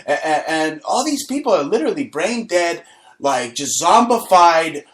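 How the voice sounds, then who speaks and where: Swearing heavily, a male talk show host rants aggressively for laughs and brags through a tale from his school years. His fairly high voice has a sing-song quality and moves at a normal speed.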